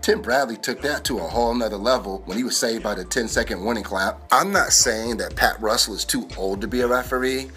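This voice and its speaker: A man's voice: medium pitch, a little fast, few pauses, sharp tone. A man hosting a podcast, reading a scripted comedic sports news monologue in a slangy, wisecracking way. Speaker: podcast host. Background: music bed.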